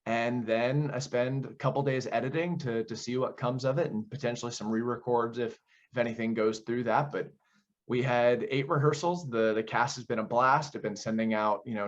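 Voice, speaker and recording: An audio play director answers interview questions in a conversational way, explaining things and often asking rhetorical questions. His voice is medium-pitched, and the recording sounds muffled.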